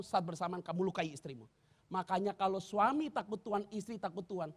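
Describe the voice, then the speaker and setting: High-pitched pastor preaching, joking around, gets loud then drops real quiet. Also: male voice. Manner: animated and joking, swings from loud to hushed. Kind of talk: sermon.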